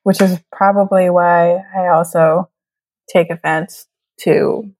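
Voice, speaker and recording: A woman in her late twenties from Trinidad, a guest in a casual conversation, chatty and quick to laugh. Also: lowish voice, steady tone, darkish tone. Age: late 20s. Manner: laughs often, chatty with fillers. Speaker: guest photographer.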